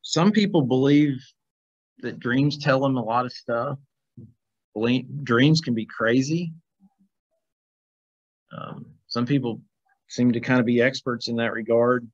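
A little slow and marked by long pauses, the man's medium-pitched voice carries a middle-aged teacher's informal Bible class over video call, where he reads aloud, comments conversationally, and asks questions. He sits in a small plain room indoors; the computer mic audio is dull and lo-fi.

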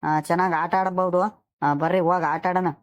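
A woman's voice: on the low side, steady tone, fairly quick, natural voice. A woman voicing an easygoing village boy, talking his friends into a game. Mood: coaxing. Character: easygoing village boy who suggests games. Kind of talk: cartoon voice acting.

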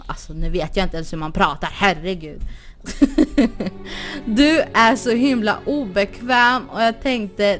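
A woman hosting a gaming channel, chatting casually through a life-sim game, often exclaiming and talking to her characters. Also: medium pitch. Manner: chatty, exclaims and laughs, talks to her sims. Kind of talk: casual Let's Play commentary.

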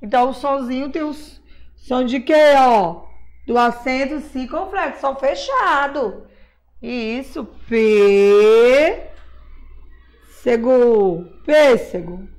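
A woman from Brazil's teaching a class of young children, patiently spelling words out syllable by syllable and calling herself auntie. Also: high-pitched. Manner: slow, drawn-out syllable-by-syllable spelling; patient, uses diminutives, refers to herself as auntie. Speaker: primary school teacher.

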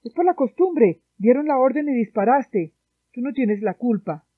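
A woman reading the part of a young male soldier who calmly reassures his comrade, heard through a dry, tinny phone-like sound. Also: on the high side, normal speed, no room sound. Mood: consoling.

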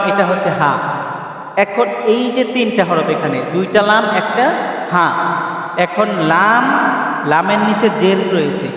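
A man's voice: high-pitched, fairly bright tone. A man teaching Quran reading step by step, asking questions and answering them himself, spelling out letters in a chanting sing-song. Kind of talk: step-by-step recitation lesson. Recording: echoey hall, mic far off.

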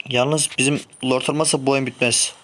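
A man's voice: mid-range voice, level tone, normal speed, a little hiss or hum. Young man commentating his game. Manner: frustrated, shouts sharply when the game goes wrong. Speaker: gaming streamer. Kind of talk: live gameplay commentary.

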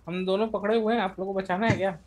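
A man's voice: high-pitched, fairly even intonation, racing, faint music behind. A man on game voice chat, complaining and pleading with his teammates to come rescue him. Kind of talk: casual gaming chat.

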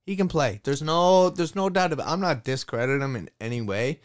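Dude ranting about hockey, swears a lot, voice jumps all over, hiccuping. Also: male voice, medium pitch, brisk, clean tone. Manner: swears freely, animated and emphatic. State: has the hiccups. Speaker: podcast co-host. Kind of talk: casual sports chat.

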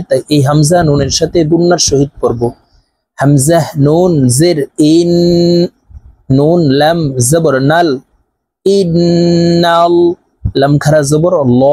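A man teaching Quran reading, spelling words out letter by letter and reciting verses in a slow, drawn-out chant. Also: on the high side, mellow, slightly rough, no echo. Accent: Bangladeshi Bengali.

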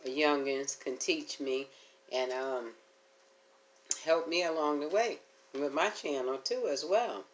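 A woman's voice: extremely low pitch, slight background noise. A middle-aged woman vlogging at home, chatting to her viewers in a rambling, homey way while she eats and hums between bites. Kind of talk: casual eating chat to camera.

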